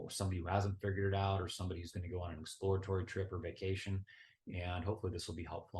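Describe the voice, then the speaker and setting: Low, flat-voiced man giving travel tips. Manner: relaxed, conversational, many fillers and restarts. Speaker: travel vlogger. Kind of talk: casual advice vlog.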